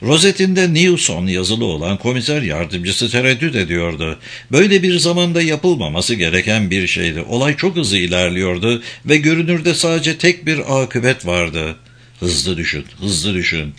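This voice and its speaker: A man reading a first-person audiobook in a steady, deliberate way. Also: mid-range voice. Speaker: audiobook narrator.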